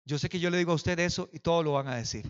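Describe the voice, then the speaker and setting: A man preaching a sermon to a congregation as pastor, swinging from quiet speech to impassioned shouting and calling on listeners to repeat after him and raise their hands. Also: a little high, very fast, clear, resonant tone, in a large hall, highs cut off. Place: church hall.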